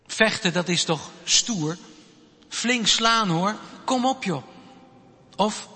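Male pastor preaching slow and deliberate, kinda high bright voice, long church echo. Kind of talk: sermon for a congregation with children. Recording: long reverb of a church hall.

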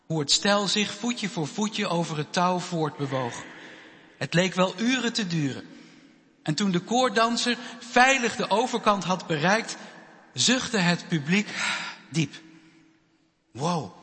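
Slow, high-voiced preacher in a hall. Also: male voice, bright, forceful tone. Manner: slow, storytelling delivery with pauses. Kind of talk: children's sermon. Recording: long hall reverb.

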